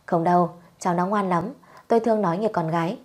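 A woman's voice: on the low side, brisk, darkish tone, close to an everyday voice. A woman doing a two-faced rich mother-in-law. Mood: sugary. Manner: sugary, then cutting.

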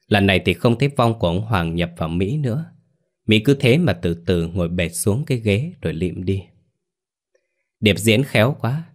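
A man narrating a scripted ghost story in a steady storytelling manner with dramatic asides. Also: low voice. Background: faint background music.

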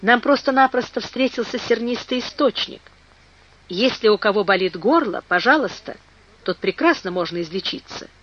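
A reader voicing a calm, learned middle-aged male engineer in an audiobook, explaining things patiently. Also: mid-range voice, normal speed, lo-fi sound, lightly acted.

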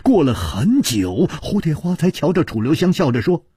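Male storyteller, very lively pitch, slow husky delivery, dry close sound. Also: dry recording. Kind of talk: martial-arts novel storytelling.

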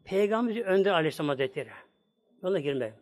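A man's voice: high voice, animated, very fast. A man preaching a sermon, acting out the voices of the people in his story and speaking to his congregation. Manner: dramatic, acts out voices in stories; addresses the congregation.

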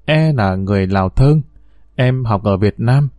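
A man's voice: fairly low pitch, expressive, moderate pace, a little mellow, no echo, clean studio sound, close to an everyday voice. A man voicing a firm, grave young female village teacher who gives urgent, insistent warnings.

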